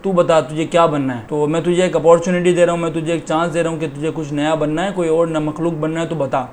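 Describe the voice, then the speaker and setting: A man voicing a wise old holy man in a folk tale, speaking calmly and fatherly as he sets his conditions. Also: fairly high pitch, fast, a little hiss or hum, close to an everyday voice.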